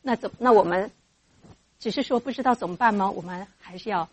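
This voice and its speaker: A woman giving a church teaching to mothers about raising children in faith, lively and acting out parent and child voices as she goes. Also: mid-range voice, brisk, slightly rough.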